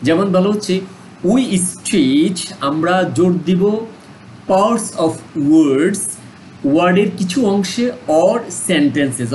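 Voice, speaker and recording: Male Bangladeshi English teacher, slightly high voice, patient drill-style delivery, faint room noise. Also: darkish tone, poor audio. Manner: mixes Bengali and English, repeats words for practice. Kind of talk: online lesson explanation.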